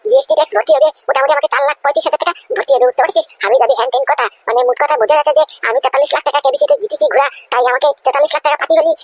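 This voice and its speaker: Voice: sits high, no room sound. A performer voicing a greedy middle-aged aunt in a cartoon comedy, stammering and talking her way out of a lie. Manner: stammering, nervous, then bragging.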